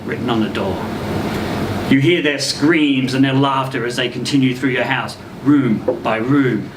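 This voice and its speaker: A medium-pitched man reads a short story a little slowly at a live literary event, his delivery theatrical and expressive, with acted quotes. The setting is an indoor social venue. The recording is distant and roomy, with a noisy hum underneath.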